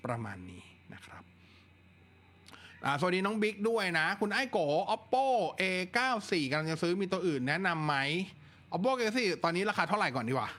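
A man hosting a casual live tech chat, relaxed and talkative, answering viewer questions with plenty of fillers. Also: sits high, brisk. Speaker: tech livestream host.

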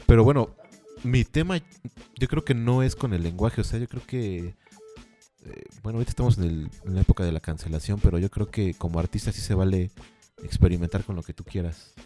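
A man's voice: low-pitched, a little fast, mellow, faint music behind. A man with a Mexican Spanish accent making an opinionated argument in a casual podcast chat.

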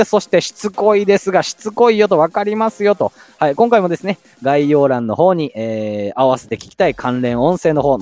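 Chatty man with a very animated voice. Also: medium pitch. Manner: chatty, with frequent fillers and rhetorical questions to listeners. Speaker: audio podcast host. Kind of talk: casual solo talk on communication skills.

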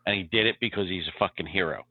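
A man's voice: low-pitched, very fast, no echo. Man talking on a tinny phone line. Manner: animated storytelling, repeats "okay?" to check in. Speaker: podcast co-host. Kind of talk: casual podcast chat.

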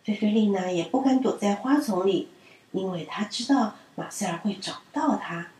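Gentle woman reading children's stories. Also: medium pitch, lively intonation, normal speed. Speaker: storyteller. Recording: roomy and distant.

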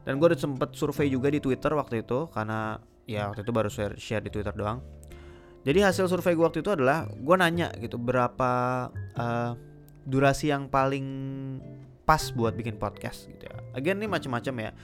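A young man with Jakarta slang hosting a casual solo podcast, talking fast with many filler sounds. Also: mid-range voice, lively intonation, soft background music. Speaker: podcast host.

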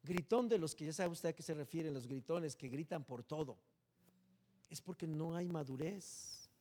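A man preaching a sermon as pastor, animated and joking, swinging between loud and hushed. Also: high-pitched.

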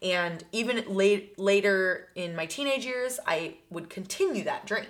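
A woman's voice: medium pitch, unhurried. A young woman co-hosting a casual chat, talking in a loose, rambling way full of "like". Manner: rambling, heavy use of "like".

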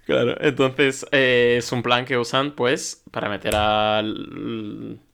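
A man's voice: mid-range voice, level tone, slow pace, vocal fry, fairly bright tone, clear, resonant tone. Wry man recapping manga. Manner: wry, joking, acts out quotes. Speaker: podcast co-host. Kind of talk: casual chat recapping manga chapters.

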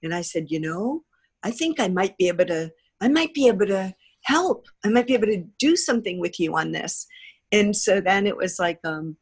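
A theatre producer, guest on a podcast, tells anecdotes in a chatty, animated way during a casual interview and acts out remarks. Her mid-range voice has lively intonation, a moderate pace, and a breathy edge.

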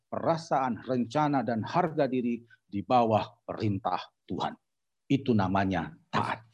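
A man's voice: mid-range voice, a little mellow, lo-fi sound. A man preaching a sermon as a pastor, telling a story to his congregation and speaking sternly and emphatically.

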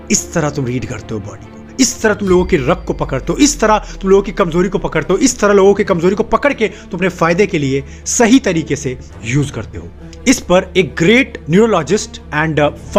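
A young man giving an emphatic motivational monologue to camera, stacking up short repeated phrases. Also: sits high. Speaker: self-help video host.

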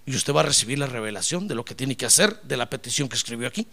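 Animated male preacher, gravelly and bright. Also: mid-range voice, fast talker. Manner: animated preacher, acting out dialogue and swinging between loud and soft. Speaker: pastor. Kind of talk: sermon.

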